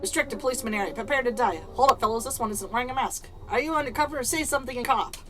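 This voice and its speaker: A woman's voice: a little high, fast talker, fairly bright tone, natural voice. A woman voicing goofy, smug police officers in a video game with a mock-official manner. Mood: mock stern.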